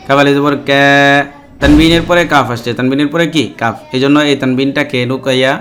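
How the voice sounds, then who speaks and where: A man with a Bangladeshi Bengali accent gives a Quran reading lesson at an even, mid-range pitch. He spells each word out letter by letter at a measured pace and stops to explain the pronunciation rules.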